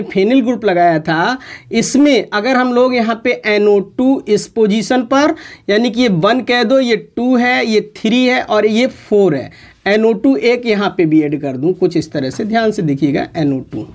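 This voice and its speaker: A woman chemistry teacher giving an online lesson, calling her students children and repeating each term for emphasis. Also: fairly high pitch.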